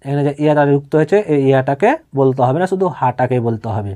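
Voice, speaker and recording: A man teaching Quran reading who spells out syllables and then recites each word slowly, repeating it. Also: medium pitch, lively intonation, warm tone.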